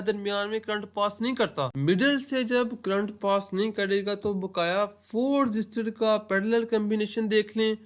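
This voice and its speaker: Man, high pitch, teacher, explanatory lecture, step-by-step examples. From Pakistan. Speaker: entry test teacher.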